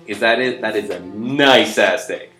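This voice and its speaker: A man's voice: lowish voice, moderate pace, sharp tone, echoey room, soft background music. A man playing a tabletop game, joking and boasting in character as a thief, laughing often. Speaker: player.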